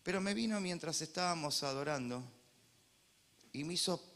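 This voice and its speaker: A man with a Rioplatense Argentine accent preaching a sermon as pastor, joking, animated, and swinging from loud preaching to quiet asides. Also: on the high side, normal speed. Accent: Rioplatense Spanish.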